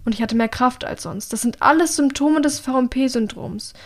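A woman reading an audiobook, voicing an urgent young woman who pleads in hushed, half-whispered tones. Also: sits high, moderate pace.

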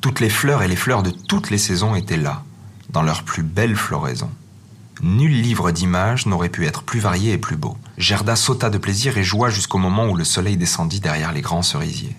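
Low-voiced male fairy-tale narrator. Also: lively intonation, normal speed, husky. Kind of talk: storybook narration. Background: faint music.

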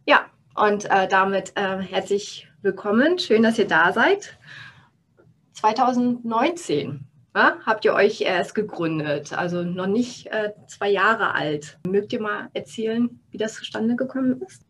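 A woman's voice: mid-range voice, unhurried, a bit bright. A woman hosting a conversational interview in an office space, with frequent fillers. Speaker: podcast host.

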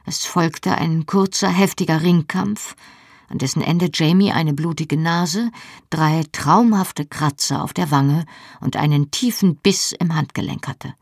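A woman reading a first-person novel aloud in a measured, calm way. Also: sits low, slightly rough, no echo, studio quality. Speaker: audiobook narrator.

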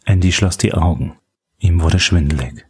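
A man reading a thriller audiobook in a steady, suspenseful narration. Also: low-pitched, moderate pace, husky. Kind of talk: scripted narration.

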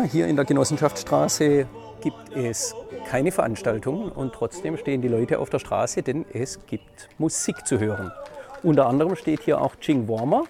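A man presenting a local culture podcast in a friendly, measured way, then interviewing people on the street. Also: medium pitch, creaky, mellow. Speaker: podcast reporter.

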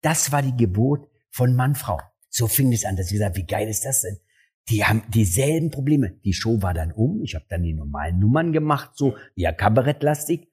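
Male stand-up, husky, animated storyteller in a chat. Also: a little fast. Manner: animated, acts out dialogue with jumps in pitch. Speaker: stand-up comedian. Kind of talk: casual interview storytelling.

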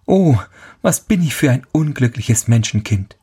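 A man's voice: mid-range voice, normal speed, pitched above the performer's own voice, natural voice. A man playing a faithful young servant who wails and laments in a storybook tale. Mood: lamenting. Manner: wailing, lamenting.

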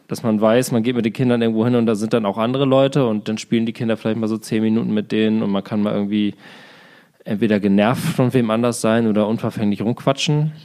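A man's voice: lowish voice, steady tone, quick pace, darkish tone. A man in his thirties, co-hosting a casual chat, rambling with many fillers and dry jokes. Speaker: podcast co-host.

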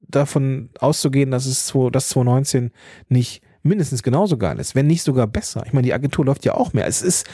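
A man's voice: medium pitch, brisk, mellow, no echo. German man musing aloud, dry close sound. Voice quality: stutters on some consonants. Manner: thinking aloud, many restarts and fillers. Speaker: podcast host. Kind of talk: personal reflective monologue.

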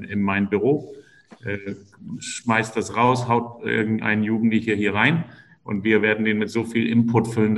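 A man from a city office on a video call, brisk and jokey as he lists his points. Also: medium pitch, fairly bright tone. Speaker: mayor's office staffer. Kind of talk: panel contribution.

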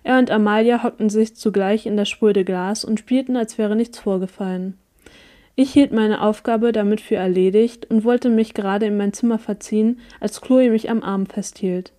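Woman reading a story out loud, warm mellow voice, steady pace. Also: mid-range voice, normal speed. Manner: even, storytelling read. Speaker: audiobook reader. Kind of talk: first-person story narration.

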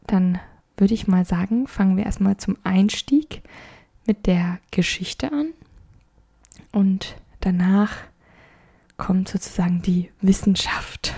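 A woman narrates a calm mindfulness story in a soft, soothing manner, sometimes dropping to a half-whisper. Her voice is warm and dark with a gravelly fry. She sounds unhurried. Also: medium pitch. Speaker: podcast host and storyteller.

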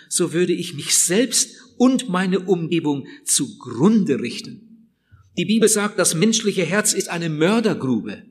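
A man preaching a sermon, speaking emphatically, repeating phrases and addressing the congregation directly. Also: sits high.

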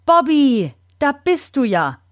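A woman voicing a loving grandmother who talks softly and coaxingly to her pet bird. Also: mid-range voice, sing-song, moderate pace, no echo, clean studio sound. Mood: relieved. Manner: soft, coaxing. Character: loving old grandmother, gentle and doting. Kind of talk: children's audio story.

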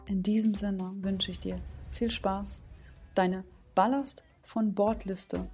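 A woman's voice: mid-range voice, fairly even intonation, takes it slowly, darkish tone, faint music behind. A woman hosting a solo coaching podcast, speaking informally to the listener with frequent "ja?" check-ins and acting out little quoted voices of gut and head. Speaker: podcast host, business coach.

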